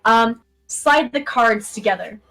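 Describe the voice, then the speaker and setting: A woman's voice: fairly high pitch, slow, bright, forceful tone, soft background music, poor audio. A woman acting as game master, narrating a tabletop role-playing scene and adding casual asides.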